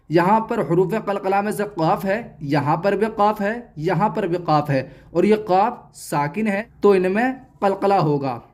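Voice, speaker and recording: A Quran reading teacher with a Hindustani accent giving a slow step-by-step lesson, patiently repeating letters and syllables one by one. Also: mid-range voice.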